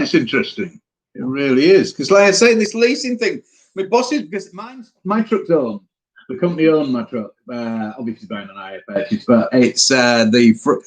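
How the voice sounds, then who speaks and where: Chatty Yorkshire trucker. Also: male voice, on the high side, a bit bright. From Yorkshire, England. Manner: rambling, answers viewer questions aloud. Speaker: truck driver hosting a live Q&A. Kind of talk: casual live-stream chat.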